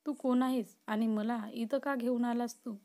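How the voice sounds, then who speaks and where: A woman's voice: fairly high pitch, steady tone, a little slow, dark tone, lightly acted. A woman voicing a frightened young woman held captive, tearful and pleading yet defiant, in a storybook reading.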